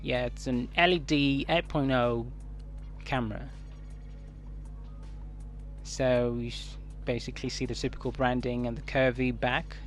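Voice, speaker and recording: A man with a Kenyan East African accent giving casual unboxing commentary as a tech reviewer, haltingly thinking aloud. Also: mid-range voice. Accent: Kenyan English. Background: music.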